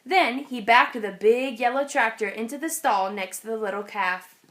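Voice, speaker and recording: A woman reads a children's picture book aloud with expressive storytelling, her voice a little high and her speed normal.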